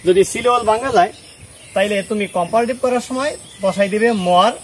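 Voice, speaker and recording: A man's voice: sits high, brisk, a little hiss or hum. A man teaching English grammar to students, explaining rules step by step and often asking whether they have understood. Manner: checks understanding with repeated questions. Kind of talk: classroom lesson explaining at a board.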